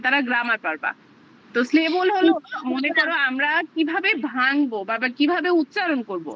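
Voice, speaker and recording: A woman's voice: high-pitched, pushed and bright, dull audio. A woman teaching a live online class, explaining step by step with plenty of fillers. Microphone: video call.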